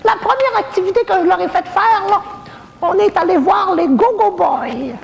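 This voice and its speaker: In a long-echoing hall, a woman voices a cheeky Québécois grandmother in a nursing home, her voice very high and gravelly at normal speed. The stand-up monologue is bawdy, gossipy and self-deprecating, with a faint crowd and slight background noise behind it.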